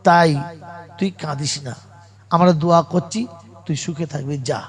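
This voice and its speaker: A man voicing a tearful mother who softly pleads with her daughter as she sends her away. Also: measured pace, natural voice. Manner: soft, low, pleading.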